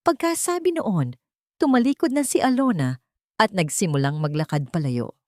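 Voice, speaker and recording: Reading a scripted dramatic story as an audiobook narrator, a woman uses a medium-pitched, darkish voice with lively intonation at a moderate pace. The recording is dry and has a clean studio sound.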